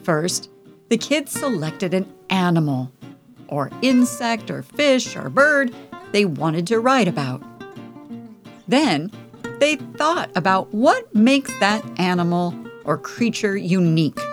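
Woman, children's show host, slow, very expressive pitch, soft music behind. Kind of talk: narration for children.

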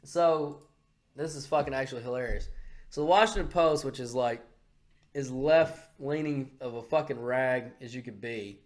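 A man co-hosting a podcast in crude, animated casual chat, retelling stories with quick put-on voices. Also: medium pitch. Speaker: podcast co-host.

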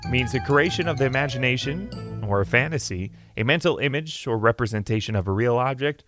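Lively, bright-voiced male radio host. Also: medium pitch, a little fast, faint music behind. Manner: cheerful, lively delivery. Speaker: radio morning show host. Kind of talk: upbeat radio show hosting. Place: radio studio.

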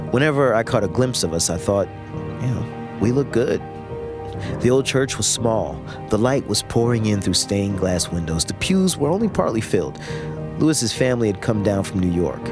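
A man narrating a personal story in the first person, reflective and expressive with dramatic pauses. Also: on the low side. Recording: music bed under the voice.

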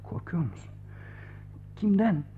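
An actor playing a steady male friend in a radio play, scolding firmly and then soothing in a hushed voice. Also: high voice, brisk. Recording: dull lo-fi old radio recording.

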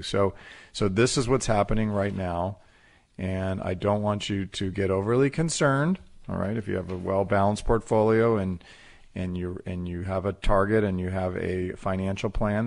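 Male finance show host, explanatory and conversational, poses questions then answers them, gravelly lower register. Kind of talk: market commentary.

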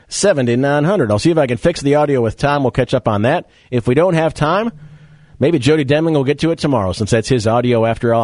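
A man's voice: medium pitch, a little mellow, no room sound. A man hosting sports talk radio, chatting through a monologue and an ad read with wry asides. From Rochester, New York area. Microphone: studio mic.

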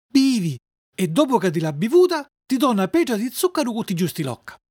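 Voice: mid-range voice, sing-song, a little fast, husky, pitched above the performer's own voice. A reader doing a patient motherly fairy. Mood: coaxing. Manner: gentle, coaxing.

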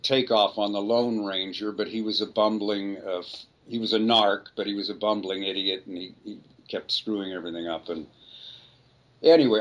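An older man, a voice actor, telling a rambling, relaxed story in an interview. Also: on the low side. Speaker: voice actor guest. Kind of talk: anecdotal storytelling.

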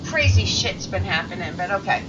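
A woman hosting a casual podcast chat who reacts in a lively way and swears casually. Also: medium pitch, fairly quick, distant mic, dull audio, noisy background. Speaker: podcast host.

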